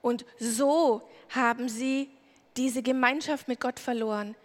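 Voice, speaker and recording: A woman's voice: a little high, steady tone, takes it slowly. A woman preaching a sermon, retelling a Bible story vividly and acting out the characters' lines. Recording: long hall reverb.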